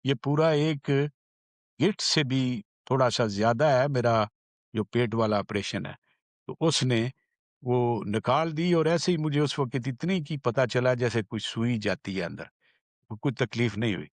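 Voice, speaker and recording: A man from Pakistan, earnestly telling the story of his survival in an unhurried way. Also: mid-range voice, animated, no room sound. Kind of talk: personal storytelling.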